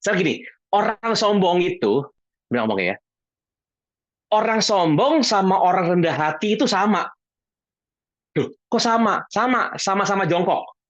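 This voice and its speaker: Lively guy chatting about feelings, voice all over the place, dry dull sound. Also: high-pitched, normal speed, no room sound. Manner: lively, jokey, acts out little dialogues. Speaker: guest speaker on emotions. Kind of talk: casual talk answering questions. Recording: dull lo-fi online talk audio.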